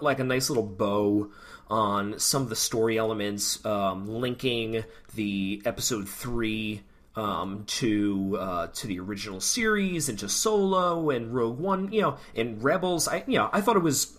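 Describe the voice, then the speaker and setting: A man's voice: mid-range voice, animated, moderate pace, fairly bright tone. A man co-hosting a podcast in casual chat, rambling with many ums. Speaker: podcast co-host.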